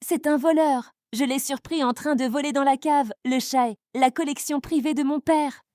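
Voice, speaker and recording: A woman voicing a panicked, cowardly husband who shouts hysterical accusations. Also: high-pitched, fairly even intonation, normal speed, no echo, clean studio sound, voice pushed up, lightly acted.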